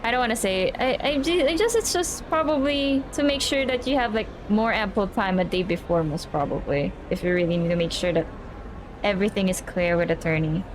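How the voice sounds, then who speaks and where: Brisk and mid-range in pitch, a young Filipino woman who grew up speaking Tagalog rambles in a casual live-stream chat. The background is noisy, and she frequently restarts words and says "I, I."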